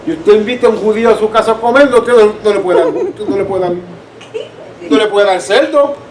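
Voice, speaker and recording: In a church room, a high-voiced man with a Caribbean Spanish accent leads a casual Bible class, using anecdotes and checking that people follow along. His intonation is lively, his pace moderate, and his tone a little mellow. The mic catches him from a distance in an echoey space with some background noise.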